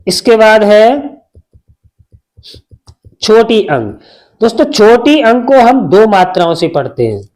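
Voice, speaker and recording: A man's voice: high voice, sing-song, slow pace, pauses often, darkish tone. A man teaching Hindi spelling, drawing out and repeating syllables and answering his own questions. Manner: asks a question and answers it himself. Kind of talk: slow spelling lesson.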